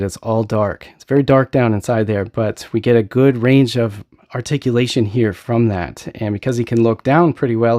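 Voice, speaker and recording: A man's voice: mid-range voice, a little mellow. A man hosting a casual toy unboxing review, talking with enthusiasm, rambling a little and often asking "right?" as he goes.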